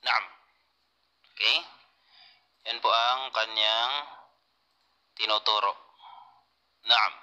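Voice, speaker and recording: Male teacher, very bright tone, patient and repetitive delivery. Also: on the low side, flat delivery, very slow, long pauses, clean tone, low-quality recording. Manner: patient, repeats key points, answers students. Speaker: Arabic teacher. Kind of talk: online class lecture.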